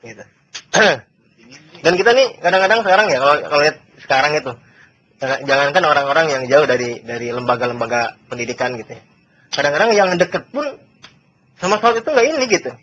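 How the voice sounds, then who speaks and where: A man teaching a classical religious book, slowly reading passages and explaining them in a chatty way, heard on old worn tape. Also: on the high side, expressive, fairly bright tone. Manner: chatty, chuckles often between points; reads classical text slowly then explains it. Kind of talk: classical book study lesson. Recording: dull lo-fi old tape with faint hiss.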